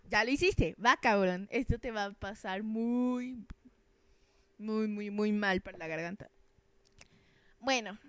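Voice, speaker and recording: A woman's voice: on the high side, clean tone, no room sound. A young woman, joking and rambling in a self-mocking, crude way while commenting on a game. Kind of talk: casual gameplay commentary.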